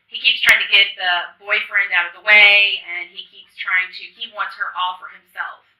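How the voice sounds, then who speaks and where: Woman author talking about her books, bright voice, eager and quick, roomy echo. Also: mid-range voice, fairly even intonation, far from the mic. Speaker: author guest. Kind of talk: casual interview chat. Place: convention venue.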